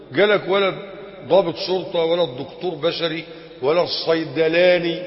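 A man with an Egyptian accent gives a religious lesson in a fairly high voice. He is animated and keeps firing rhetorical questions at the room. The recording is dull and lo-fi, with a long hall reverb. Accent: Egyptian Arabic. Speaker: sheikh teaching a religious lesson.

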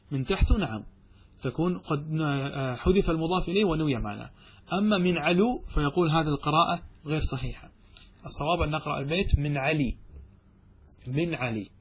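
A man teaching a classical Arabic grammar lesson, who explains by asking and answering his own questions and recites verses slowly. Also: fairly high pitch, slightly rough.

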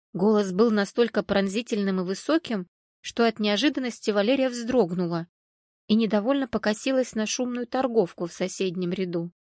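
A woman narrates an audiobook from a script, telling the story in an even, measured way. Her voice is mid-range, and the recording is dry and studio quality.

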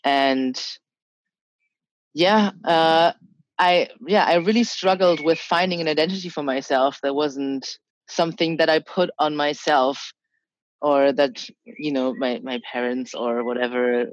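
A young German woman, appearing as an interview guest, talks about her identity in a low, unhurried voice. She's hesitant, restarting often and using many fillers in this casual interview, and the recording sounds dry and muffled.

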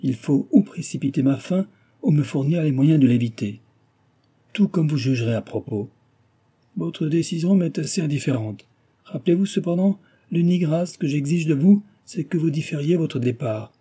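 A bitter, ruined gentleman in an audiobook, proud and agitated, his speech pushed up high and loud with resentment, as a male narrator puts him on. The voice is dark and husky underneath. He hammers each phrase with vehemence. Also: animated, normal speed. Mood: bitter vehement. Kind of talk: audiobook character reading.

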